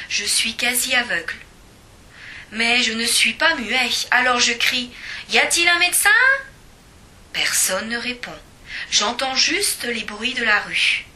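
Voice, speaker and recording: Bright, slow woman reading a children's story. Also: on the high side. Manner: lively, expressive reading.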